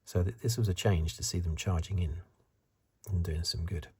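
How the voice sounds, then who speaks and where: Half-whispering in a husky, breathy voice, a male ASMR reviewer muses and rambles through his soft-spoken commentary. He is low-pitched and keeps a moderate pace.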